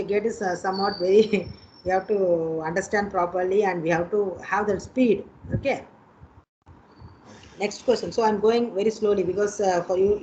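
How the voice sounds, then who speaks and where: Female Indian-accented lecturer, mid-pitched, instructive and repetitive, coaching students over a lo-fi, slightly noisy online call. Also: darkish tone. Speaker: engineering lecturer. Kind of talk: online exam coaching lesson. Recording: dull lo-fi online call with noise.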